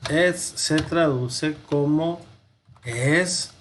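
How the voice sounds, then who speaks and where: Male Latin teacher, slightly high voice, slow deliberate delivery, faint typing in the background. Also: fairly bright tone, a little hiss or hum. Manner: slow, repeats words for dictation, corrects himself aloud. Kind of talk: recorded class lesson.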